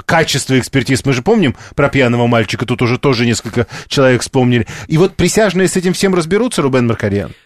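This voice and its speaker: Brisk male radio host, dry studio. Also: medium pitch, lively intonation, dry recording. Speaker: radio talk show host. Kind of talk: radio talk show hosting. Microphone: studio microphone.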